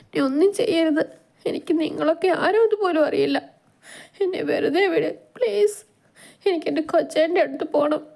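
A woman voicing a frightened young woman who begs tearfully in a high, panicky voice. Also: normal speed, vocal fry, darkish tone. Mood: pleading.

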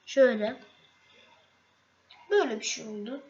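A woman talking viewers through a software tutorial on her screen, halting often with fillers and restarts. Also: on the high side, animated. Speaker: tutorial host. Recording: slightly dull, faint noise.

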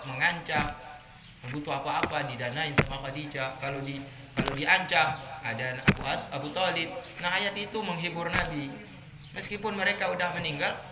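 A male preacher with a high voice gives a study sermon to a women's group. He tells lively stories and climbs higher for the anecdotes. The recording has a roomy echo and steady background noise. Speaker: Islamic preacher. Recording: echoey room with background noise.

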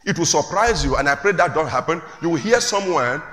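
A male pastor preaching a sermon to a congregation, calling out questions and rising to shouts. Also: fairly high pitch, expressive, brisk. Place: church hall with congregation. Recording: echoey church hall, faint room noise.

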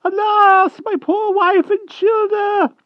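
Squealing, begging hedgehog. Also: male voice, extremely high pitch, flat delivery, slow pace, no echo, highs cut off, voice pushed up. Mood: pleading. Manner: squealing, begging in rustic country dialect. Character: small frightened male hedgehog, pleading and wheedling.

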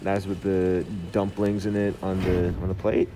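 Low, muffled man talking through a face mask. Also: level tone, normal speed, background noise. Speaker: gamer narrating own gameplay video. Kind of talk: casual gameplay commentary. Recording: game music and gunfire behind. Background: game music, gunfire, vehicle sounds.

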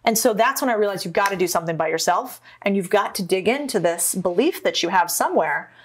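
A woman's voice: medium pitch, animated, quick pace, a little hiss or hum. A woman from Arizona, a guest in a casual interview, telling her story animatedly and acting out quotes. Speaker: podcast guest, entrepreneur.

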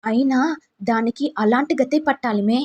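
A woman's voice: fairly high pitch, steady tone, moderate pace, a little mellow, breathy edge, dull audio. A woman voicing a coarse, scheming middle-aged mother in a told family drama, talking in a conspiratorial way. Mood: conspiring.

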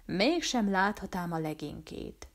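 A woman voicing a wounded fugitive murderer, speaking in a quiet, weary and resigned way in a read-aloud story. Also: fairly low pitch, very animated. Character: dying fugitive murderer man, feverish and tender. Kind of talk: audiobook character voice.

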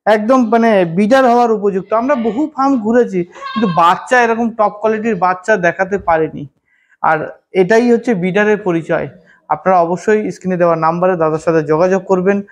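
A man's voice: high voice, a little fast. A man hosting a farm interview, prompting his guest with short agreeing words. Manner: brief affirming interjections. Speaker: interviewer and channel host. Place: goat farm, outdoors.

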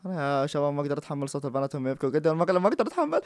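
A man's voice: a little high, sing-song, racing, a little mellow, faint music behind. A man commenting on a prank video in a joking, teasing way. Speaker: YouTuber reacting to a prank video. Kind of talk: casual reaction commentary.

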